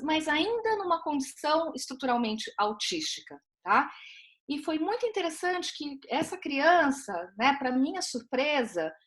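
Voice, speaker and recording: A woman's voice: a little high, fairly bright tone. A woman with a Brazilian accent, a clinician, talking on an online meeting with many fillers and tag questions. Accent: Brazilian Portuguese. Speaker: clinician from a therapy team. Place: home, video call.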